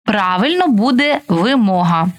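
A woman radio co-host quizzing and answering in a brisk, matter-of-fact way. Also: medium pitch, animated. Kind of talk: language quiz chat.

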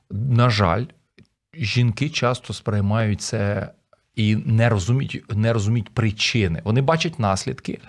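Earnest low-voiced man, a pastor. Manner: earnest, conversational, mimics other voices. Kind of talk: radio talk show guest.

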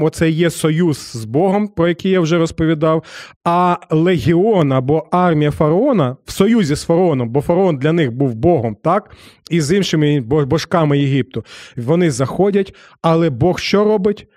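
A man with a fairly high voice gives a Bible teaching, putting rhetorical questions to his listeners and briefly acting out quoted lines. The recording is close and dry. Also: a little mellow, no room sound. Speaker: preacher.

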